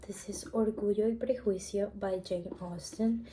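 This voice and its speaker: A soft-spoken woman in an ASMR role-play as a librarian, often dropping into a library soft voice and explaining things step by step. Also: medium pitch, steady tone, normal speed, noisy background. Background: keyboard typing and clicks.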